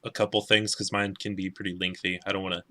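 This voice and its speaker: A man's voice: low-pitched, little pitch movement, fast talker, pushed and bright, dry recording. A man co-hosting a podcast in casual chat, laid back and chiming in with short remarks. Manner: laid-back, brief interjections. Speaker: podcast co-host.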